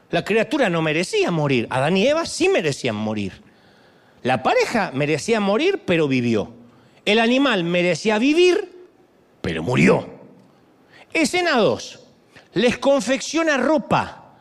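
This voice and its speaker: Animated, high-voiced male preacher in his 50s. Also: in a large hall. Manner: animated, humorous storytelling. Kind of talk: sermon.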